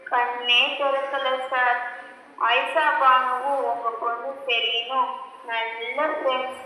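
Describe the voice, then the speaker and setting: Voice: high-pitched, flat delivery, slow pace, sharp tone, slight background noise, full character voice. Desperate pleading father for a school stage play, played by a young performer, echoing hall sound. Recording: echoey hall, mic far off.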